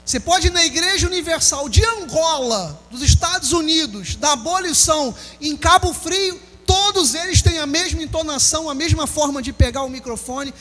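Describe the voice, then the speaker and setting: A Brazilian pastor preaching an impassioned sermon, calling out questions to the congregation. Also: male voice, extremely high pitch, animated, moderate pace, few pauses, sharp tone. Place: church hall. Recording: long hall reverb with faint music.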